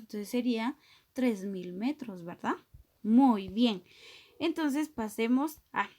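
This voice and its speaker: A woman teacher talks through a recorded math lesson for children at an unhurried pace. Her voice sits a little high, and she explains patiently step by step, often pausing to check that the class follows. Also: a little mellow.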